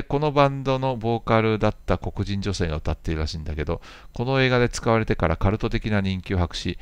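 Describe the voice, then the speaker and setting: A man's voice: deep voice, creaky, no echo. A man in his fifties, host of a jazz channel, reading out viewer comments and answering them in a rambling, chatty way with playful asides.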